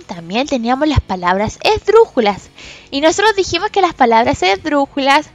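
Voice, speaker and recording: A woman teaching a recorded lesson to children, speaking slowly and patiently and stretching out example words with loud stress on syllables. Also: sits high. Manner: slow, patient, stresses syllables loudly and drawn out when giving example words. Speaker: special education teacher.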